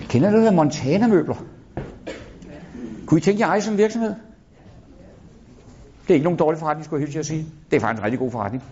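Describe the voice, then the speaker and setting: A middle-aged man addresses a live audience in a fairly high voice, cursing casually and firing questions at the crowd. The recording is muffled and lo-fi. His delivery is frank and punchy. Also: dark tone, breathy edge. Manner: blunt, swearing, asks the crowd questions. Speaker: motivational speaker. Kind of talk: live motivational talk to an audience. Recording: dull lo-fi recording.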